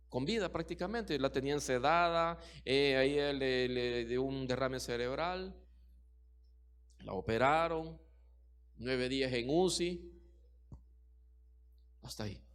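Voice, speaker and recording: A man's voice: medium pitch, slow, pauses often, clean tone. A middle-aged man preaching a sermon as pastor, emphatic and repetitive, full of rhetorical questions.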